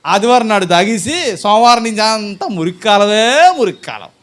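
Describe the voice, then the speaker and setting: A pastor delivers a sermon to his congregation in a strikingly high voice. He leads it with questions he answers himself. He acts out small scenes with a listener to make his point. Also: sing-song, moderate pace, fairly bright tone. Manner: fires rhetorical questions at the congregation and answers them. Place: church service.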